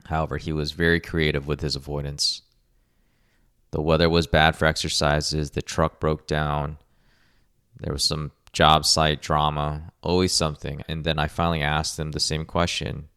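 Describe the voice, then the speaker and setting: A man hosting a rehab podcast, speaking in a calm, measured coaching tone in a scripted monologue. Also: a bass voice, clear, resonant tone, no room sound, clean studio sound. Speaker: podcast host, rehab clinician.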